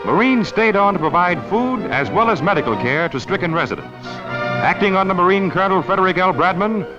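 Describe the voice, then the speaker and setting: A man's voice in old newsreel style, pitched high and swooping lively through each line, with an emphatic announcer delivery. The dull, lo-fi archival sound sits under a loud music score. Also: a little fast. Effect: old newsreel narration. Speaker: newsreel narrator. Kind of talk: 1940s newsreel narration.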